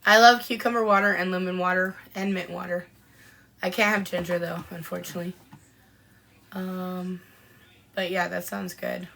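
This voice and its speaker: A woman co-hosts a podcast in a relaxed live-stream chat. She answers viewer comments one after another in a chatty way, with frequent ums and pauses between thoughts. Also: lowish voice, gravelly, slight background noise. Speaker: podcast co-host.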